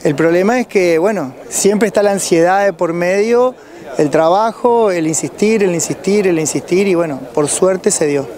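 A middle-aged Argentine man with a fairly high-pitched voice speaks as a rural association official. He gives unscripted answers into a reporter's microphone outdoors. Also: normal speed, darkish tone. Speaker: president of a rural producers' federation, interviewee. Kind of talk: on-site news interview, unscripted answers. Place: outdoors at cattle auction pens. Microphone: handheld reporter's microphone.

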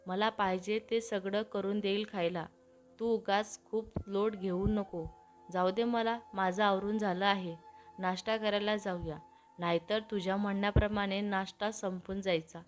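A woman's voice: medium pitch, lightly acted. A woman voicing a sleepy, cheeky young man bantering with his elder brother in a storybook reading.

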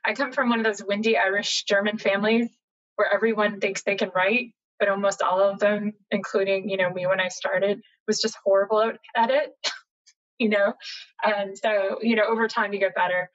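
A middle-aged American woman, a journalist guest, telling her story in a chatty, animated way over a video call from home. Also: mid-range voice, moderate pace. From United States, Boston area. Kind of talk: casual interview conversation. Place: home room, indoors. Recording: slightly dull lo-fi video call audio.

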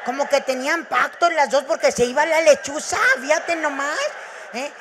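Brash, high-voiced Mexican comedian woman. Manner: brash, fast, profane, animated. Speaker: stand-up comedian. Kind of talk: stand-up comedy storytelling. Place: live comedy stage.

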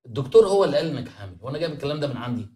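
Man doing a gullible groom, confused and lively, voice jumps around, talks real fast. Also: medium pitch, natural voice. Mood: bewildered. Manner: bewildered, lively, rapid. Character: gullible hapless groom, easily fooled. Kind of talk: TV comedy drama acting.

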